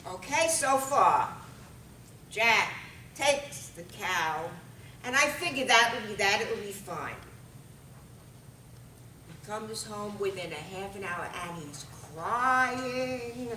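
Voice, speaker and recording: Woman, comic storyteller, bright voice, roomy far-off sound. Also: medium pitch, slow pace, pauses often, slight background noise. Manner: animated, lively, with bursts of loud exclamation.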